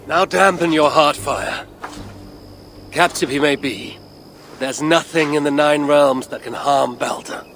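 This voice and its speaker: An actor playing a proud, brooding Norse god king in a video game, speaking with solemn, archaic formality in a gravelly voice. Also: fairly high pitch, a little slow, a bit bright, slight background noise. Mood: stern, wrathful. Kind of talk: dramatic game cutscene acting.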